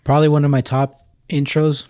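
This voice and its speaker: A young man from the United States talks casually with friends on a podcast, loose and swearing, with lots of fillers. His voice is mellow and warm, and the recording is dry and close. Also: a little high, level tone, fairly quick, no room sound. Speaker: podcast co-host. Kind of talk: casual chat.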